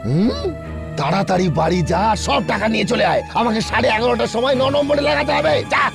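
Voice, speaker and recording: A man playing a bossy, secretive, greedy gambler in a dubbed TV thriller, with creaky, emphatic, dramatic delivery. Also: very high voice, fast, music in the background. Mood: urgent, commanding.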